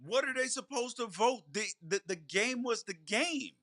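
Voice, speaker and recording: A man's voice: very high voice, lively intonation, moderate pace, fairly bright tone, no echo, studio quality. A man co-hosting a college football podcast, casually dismissive and repeating himself as he argues. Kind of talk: casual sports debate.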